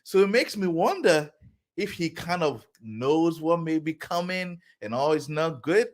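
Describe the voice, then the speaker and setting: A man hosting a boxing talk show, asking questions in a lively, teasing, conversational way. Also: a little high, unhurried. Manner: lively, laughs and teases the guest. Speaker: show host. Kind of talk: casual interview.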